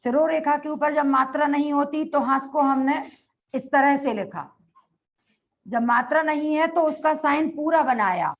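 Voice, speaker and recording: A woman teacher giving a grammar lecture, dictating notes slowly and repeating phrases, asking the class questions and answering them herself. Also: high-pitched. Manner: slow, repeats phrases for note-taking.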